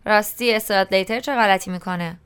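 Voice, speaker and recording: A tactless, grubby eighteen-year-old schoolboy who keeps prying with blunt questions, as a woman reads him in an audiobook. The voice stays smooth and clear, sitting a bit higher and louder than the narration. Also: lightly acted. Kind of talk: audiobook character reading.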